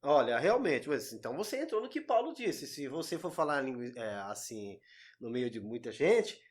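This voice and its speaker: A man's voice: mid-range voice, very animated, moderate pace. A man hosting a casual podcast, affirming his guest and recapping what was said. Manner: affirming listener, recaps and questions. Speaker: podcast host. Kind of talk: casual chat.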